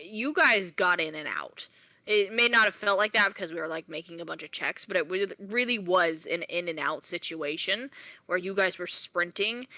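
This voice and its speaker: A young woman acting as game master in a casual tabletop session, laughing often and pausing with fillers as she explains the rules. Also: lowish voice, sharp tone, no echo. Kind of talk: narrating a tabletop game over voice chat.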